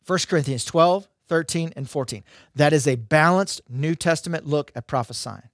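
A middle-aged man teaches in a conversational sermon style. His voice sits a little high for a man, and he drives points home with short, emphatic, repeated phrases. The sound is dry and close, from a headset microphone in a studio. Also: normal speed, no room sound. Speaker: preacher. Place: dark indoor studio.

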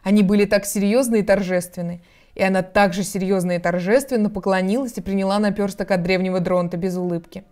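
Woman calmly reading a children's story. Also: mid-range voice, fast. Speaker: reader. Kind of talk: storybook narration.

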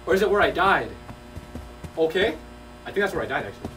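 A man's voice: on the high side, fast talker, faint music behind. A young man commentating a VR horror game, swearing, trash-talking and yelping whenever he gets scared. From Mexico. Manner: excitable, swearing, yelps when scared, slangy trash talk. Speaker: gaming streamer. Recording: distant-sounding mic with noticeable background noise and hum.

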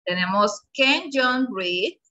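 Patient Ecuadorian woman teacher, bright voice. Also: on the high side, animated, slow, rough recording. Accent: Ecuadorian Spanish. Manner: patient, coaxing questions to pupils. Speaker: primary school English teacher. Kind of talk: online class lesson.

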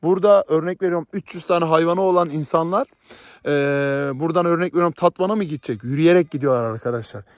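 A man's voice: a little high, no echo. Playful, teasing man vlogging outdoors. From Southeast Turkey. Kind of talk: casual vlog chat. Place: outdoors in a rural village with livestock.

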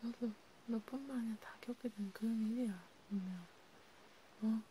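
A woman in a whispered role-play, comforting a friend softly and soothingly, slipping between a quiet voice and a whisper. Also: fairly high pitch, moderate pace, a little hiss or hum, rough recording. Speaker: ASMR creator.

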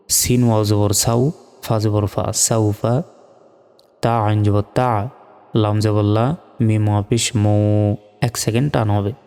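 A man teaching Quran recitation step by step, spelling out letters and vowel marks, then chanting the words slowly and drawn out. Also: on the low side, a little mellow, in a large hall.

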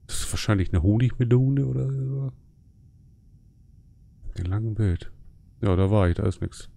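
A man's voice: fairly low pitch, moderate pace, vocal fry, dark tone. A man casually commenting on a horror game during a live stream, joking and chatting with his viewers.

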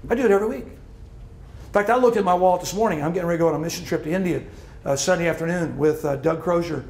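A man's voice: fairly high pitch, fast, creaky, a little mellow, echoey room. A middle-aged man preaching a sermon as pastor, emphatic and repeating his key lines. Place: church hall.

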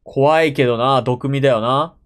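A young Japanese man who streams anime reactions talks at a medium pitch and a moderate pace. Sitting in a gaming chair in a room at home, he mutters casual commentary to himself while watching, with frequent exclamations, all picked up by a desk mic.

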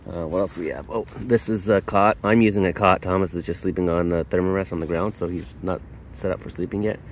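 Deep-voiced man giving a halting gear tour. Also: steady tone, a little hiss or hum. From Canada. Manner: halting, lots of uh and restarts. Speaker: camping vlogger. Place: inside a hot tent in a snowy forest.

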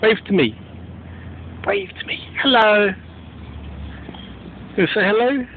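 A man films his toddler and coaxes him in a lilting, sing-song voice whose pitch rises and falls a lot. It is old camcorder audio, squeezed thin and tinny. A steady hiss of noise sits under everything. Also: slow. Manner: coaxing, sing-song baby talk. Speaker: parent filming his toddler. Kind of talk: home video, talking to a small child.

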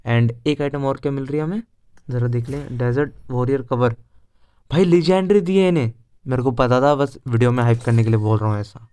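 Talking a little fast, this young video host with an Indian accent narrates a game walkthrough informally, blending Hindi and English. His mid-range voice has a dark but clean tone.

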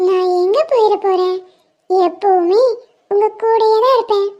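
A woman voicing a sweet little girl who softly comforts a crying friend in a cartoon. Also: very high voice, fairly even intonation, measured pace. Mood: tender, comforting. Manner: soft, coaxing. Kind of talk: animated cartoon voice acting. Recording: dull lo-fi sound.

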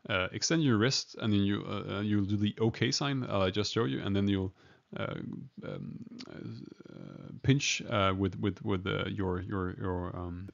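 A man with a gravelly, fairly low voice gives a casual medical teaching talk, stopping and restarting often with plenty of ums. The recording sounds dull and lo-fi. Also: steady tone, unhurried. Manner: hesitant, many fillers and restarts, chuckles at himself. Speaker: emergency medicine lecturer. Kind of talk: informal medical lecture.

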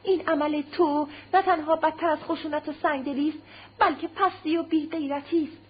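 Woman reader doing a distraught young wife, agitated, cries out, high raised voice, muffled audio, faint hum. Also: natural voice. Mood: indignant. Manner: agitated, stammering, crying out. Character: distraught young aristocratic wife, proud and desperate.

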